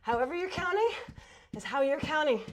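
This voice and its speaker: A woman's voice: high voice, expressive, brisk, slight background noise. A woman out of breath from exercise, coaching a workout as an instructor with upbeat, urging encouragement and countdowns. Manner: upbeat, encouraging, urging cheerleader-like pep talk. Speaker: fitness instructor.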